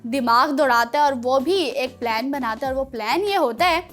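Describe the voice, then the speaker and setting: This storyteller and children's show host has a high, slightly bright voice and a moderate pace. She narrates to kids like a teacher, frequently stopping to ask them questions.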